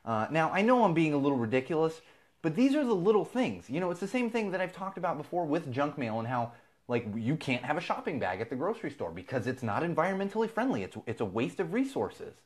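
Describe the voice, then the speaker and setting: A man's voice: on the high side, big pitch swings, quick pace. A man from Southern California hosting a live feed, ranting casually and with exasperation, swearing freely. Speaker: podcast host.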